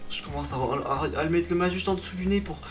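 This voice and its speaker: A man's voice: a little high, quick pace, faint music behind. A young man telling a personal story in a comic vlog style, dramatic, exaggerated and self-mocking. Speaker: vlogger.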